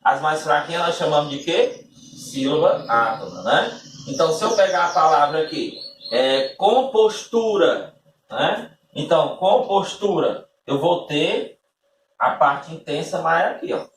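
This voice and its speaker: Animated and unhurried, a man with a slightly high, somewhat bright voice explains a lesson patiently step by step, often using tag questions to check in with listeners. This recorded classroom-style lesson has him off-mic at a distance in an echoey room, with slight background noise.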